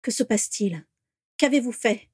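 A woman voicing a cold, demanding boarding-school headmistress who speaks in a low, hard voice, in a dry recording. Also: expressive, normal speed, a little mellow, slightly rough, dry recording.

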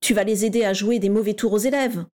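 A woman's voice: mid-range voice, steady tone, fast talker, a little mellow, lightly acted. A woman voicing a cocky, mocking schoolboy who bullies a younger pupil, in a raised, taunting voice. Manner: taunting, showy.

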